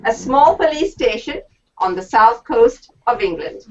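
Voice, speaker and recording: Slow, lively-pitched woman narrator. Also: far from the mic. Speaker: narrator in a play reading. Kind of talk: reading stage directions. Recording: dull lo-fi video call audio.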